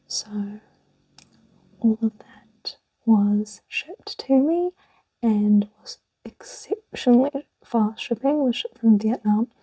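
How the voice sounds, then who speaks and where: An English-speaking young woman hosts an ASMR channel, whispering close to the mic in a rambling, chatty way with little laughs. Her voice is a little high and mellow with a breathy edge, and there's no room sound.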